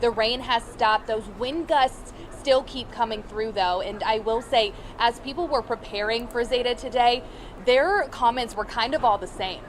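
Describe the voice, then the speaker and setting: A woman's voice: on the high side, moderate pace. A woman giving a conversational live field news report from outdoors on a windy city street. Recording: windy street noise, clearly audible.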